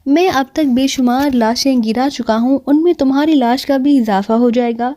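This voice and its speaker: Brief: woman narrator reading a boastful male thug in an audiobook, threatening and gruff, mellow tone. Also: high voice, close to an everyday voice. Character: menacing male street thug, hot-tempered and boastful.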